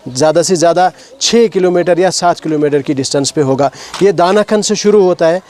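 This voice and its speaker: A man's voice: sits high, a little mellow. A man with a Kashmiri accent leading an outdoor heritage walk, explaining place names to schoolchildren and often asking them questions. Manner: explanatory, asks questions of the children, mixes in English words. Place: outdoors at a stone heritage site.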